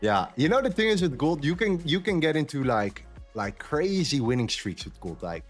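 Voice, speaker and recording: On a trading livestream, a Dutch man talks openly and casually, repeating phrases to stress his points. His fairly high voice swings widely in pitch at a normal speed, with faint music behind him.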